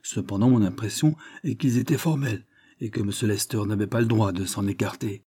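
A man voicing a precise, resentful older lawyer giving a measured legal opinion in an audiobook. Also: on the low side, dark tone, husky, no echo, clean studio sound.

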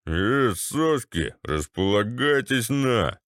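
A man voicing a drunk, boorish ex-paratrooper with a bassy, slurred, swaggering delivery. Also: very animated, takes it slowly, fairly bright tone, dry recording, clean studio sound. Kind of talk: audiobook character voice.

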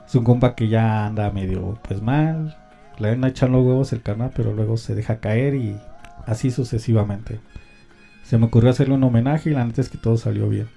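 A man's voice: mid-range voice, fairly quick, creaky, mellow, faint music behind. A Mexican man hosting a homemade radio show, telling a personal story in a rambling, slangy way full of fillers. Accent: Mexican Spanish. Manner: slangy, rambling, many fillers and tag questions. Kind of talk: casual storytelling monologue.

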